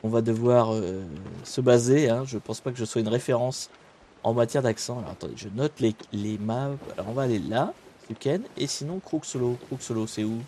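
A laid-back young male streamer and host chats casually while gaming, his medium-pitched voice moving at a moderate pace over a faint hiss or hum. He rambles, uses lots of fillers and restarts, and greets his viewers in between.

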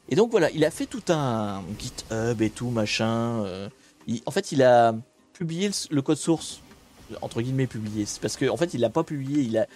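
A man's voice: medium pitch, a little mellow. Man, casual streamer; chatty, opinionated commentary delivered off the cuff to his audience. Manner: conversational and opinionated, thinking aloud. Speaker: streamer talking about cybersecurity.

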